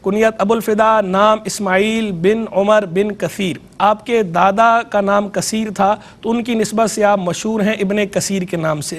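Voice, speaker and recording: A man with a Pakistani Urdu accent, a religious scholar giving an educational lecture on a TV program, measured and explanatory, repeating key terms to stress them. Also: sits high.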